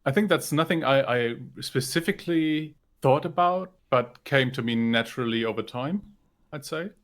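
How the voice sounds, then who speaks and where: A man's voice: medium pitch, normal speed, fairly bright tone. A man whose first language is German, co-hosting a podcast and chatting thoughtfully with some hesitation. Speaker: podcast co-host. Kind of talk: casual podcast chat.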